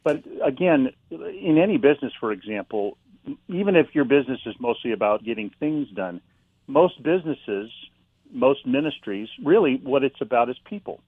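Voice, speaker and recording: A man, an author and guest, speaking in a calm, reflective, unhurried way about faith and slowing down. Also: medium pitch, breathy edge, no echo, narrow, tinny audio.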